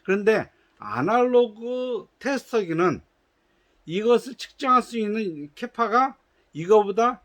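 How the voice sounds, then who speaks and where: This man from a shoe company has a high, fairly bright voice. He patiently and formally instructs listeners on how to test his product, often pausing hesitantly and restarting his sentences.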